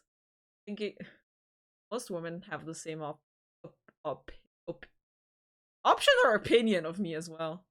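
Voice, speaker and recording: A woman's voice: on the low side, fairly bright tone. A woman hosting a livestream, chatting casually with viewers in a giggly, rambling way, often restarting her sentences. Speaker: livestream host.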